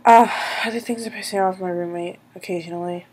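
A woman's voice: lowish voice, steady tone, a little fast, a little mellow. A young woman with a stuffy nose from a cold, chatting and ranting casually in a vlog, rambling and a little sarcastic. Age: young adult. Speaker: vlogger. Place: indoors, filming alone.

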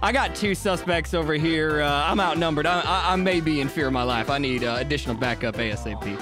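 Guy doing a pushy crooked cop in a game roleplay, high urgent voice, music behind. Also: quick pace, close to an everyday voice. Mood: officious. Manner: bossy, urgent shouted commands. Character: overzealous corrupt male police officer barking orders. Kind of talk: improvised game role-play.

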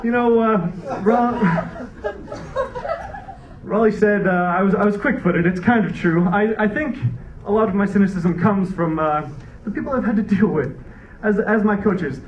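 On a dark theater stage before a laughing audience, a young male comic delivers a rambling, wry set at a measured pace in a high voice, often restarting. His handheld mic is captured from a distant camera, giving a roomy, dull hall sound with laughter and a little hiss or hum.

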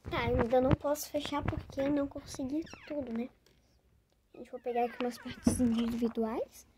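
Brazilian girl vlogging while she packs, high voice, bursts out loud then mutters, noisy room with clicks. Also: steady tone, moderate pace. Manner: chatty, jumps between loud exclamations and quiet muttered asides. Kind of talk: casual chat while packing. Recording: clear background noise, handling clicks.

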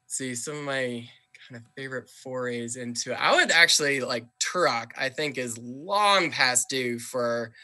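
A man's voice: medium pitch, normal speed, bright, forceful tone, no room sound. A man talking as a podcast guest, chatty and enthusiastic, with lots of fillers. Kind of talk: casual conversation.

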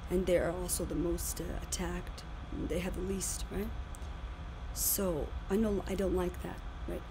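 Speaking at a measured pace with a lowish voice, a woman teacher in her thirties animatedly lectures her students on a video call from indoors at home. Her big voice keeps circling back to restart phrases, picked up by a noisy webcam microphone.

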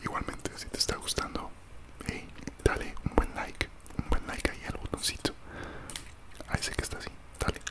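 A young man whispers casually in a breathy ASMR style right up at the microphone, chewing gum as he chats. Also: normal speed. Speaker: ASMR creator. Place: small room indoors at home. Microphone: large desktop condenser mic, very close.

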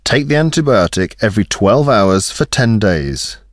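A man's voice: fairly low pitch, animated, a little slow, dry recording, studio quality. A man reading phrases with careful model pronunciation for learners. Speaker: English phrase reader.

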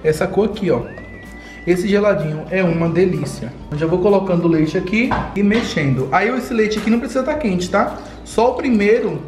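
A high-voiced man in his thirties demonstrates a recipe in his home kitchen, keeping up a chatty patter with his viewers. The kitchen gives the sound a noticeable echo, and light music plays underneath. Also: a little mellow. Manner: chatty, talks to viewers with tag questions. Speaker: cooking vlogger. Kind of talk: casual cooking demonstration. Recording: echoey kitchen.

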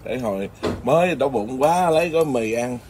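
A man's voice: mid-range voice, lively intonation, normal speed. A man who is a Buddhist monk, chatting casually and teasing, laughing often. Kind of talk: casual chat. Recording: noisy background.

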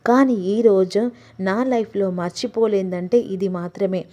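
Woman doing young guy in love, earnest, vowing, warm soft tone. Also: mid-range voice, moderate pace, natural voice. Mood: pleading. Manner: earnest, swearing devotion.

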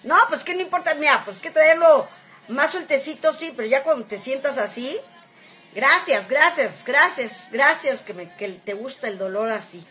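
A woman's voice: sits high, a little fast, a bit bright, faint music behind. A woman chatting casually on a phone live-stream, reading viewer comments aloud and greeting viewers by name. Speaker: Instagram live host.

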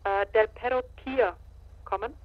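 A woman's voice: on the high side, slight background noise. Woman dispatcher over a walkie-talkie. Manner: brisk, formal, ends calls with "komm". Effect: over a walkie-talkie radio. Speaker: police dispatcher in a game roleplay. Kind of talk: clipped radio procedure speech. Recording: dull, muffled radio sound.

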